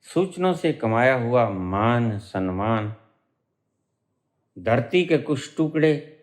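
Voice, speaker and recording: Slow, lively-voiced male spiritual teacher. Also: mid-range voice. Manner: slow, emphatic preaching with dramatic pauses and rising stresses. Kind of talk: spiritual discourse.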